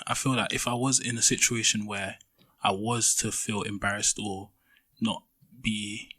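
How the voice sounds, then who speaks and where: A man's voice: lowish voice, bright, forceful tone, slightly rough. A teenage male student talking casually on a school podcast panel, with lots of "you know" fillers. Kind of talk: casual discussion.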